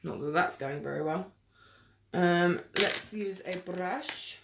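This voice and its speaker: A woman chatting casually through a live makeup tutorial, self-deprecating and quick to laugh. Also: lowish voice, creaky, background noise. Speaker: makeup vlogger.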